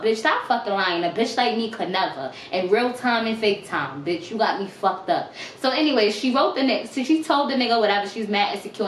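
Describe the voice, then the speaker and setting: A young woman telling a storytime vlog, animated, emphatic and full of profanity. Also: mid-range voice. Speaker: vlogger. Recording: roomy with faint noise.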